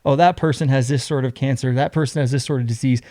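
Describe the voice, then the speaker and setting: A young man telling a story casually as a podcast guest, acting out other people's lines in an animated way. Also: medium pitch, quick pace, no echo, studio quality.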